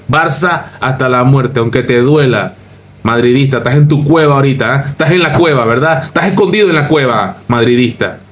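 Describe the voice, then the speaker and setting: A man from Panama with a Panamanian accent, ranting emphatically through a reaction commentary as a youtuber, repeating his points and mocking others. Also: mid-range voice. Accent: Panamanian Spanish.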